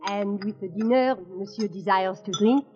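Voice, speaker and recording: An actress playing a gracious, insistent French restaurant hostess from Normandy, in 1940s radio drama style. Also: female voice, mid-range voice, moderate pace, lightly acted. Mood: coaxing. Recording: dull old radio broadcast with music.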